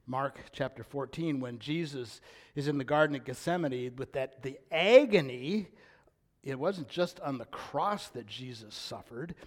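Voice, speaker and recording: An older man preaching a sermon, reading scripture aloud and swinging between loud, emphatic declarations and hushed, near-whispered lines. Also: medium pitch, lively intonation, measured pace. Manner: reads scripture aloud with rising intensity. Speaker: pastor.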